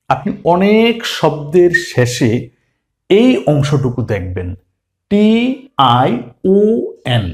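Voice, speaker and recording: A man teaching beginners an English reading lesson in Bengali. He spells out syllables slowly, letter by letter, and asks the students questions before answering them himself. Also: fairly high pitch, darkish tone. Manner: opens with a formal Islamic greeting.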